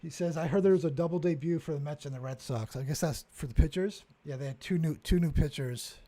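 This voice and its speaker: A man's voice: on the high side, fast talker, mellow. A man co-hosting a casual baseball podcast, stammering and explaining things patiently to friends. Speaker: podcast co-host. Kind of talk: casual watch-party chat.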